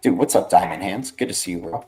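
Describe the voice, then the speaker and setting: A man's voice: low voice, fast, mellow, faint music behind. A man hosting a livestream with casual, slangy market commentary, rambling along and tagging phrases with "right" and "man". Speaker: livestream host.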